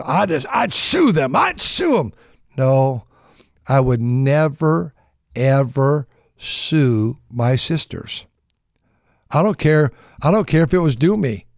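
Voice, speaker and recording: A man's voice: fairly high pitch, a little mellow, no echo. Man preaching emphatically, dry close sound. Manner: emphatic, with repetitions and rhetorical questions. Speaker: pastor. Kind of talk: radio sermon, Bible reading with commentary.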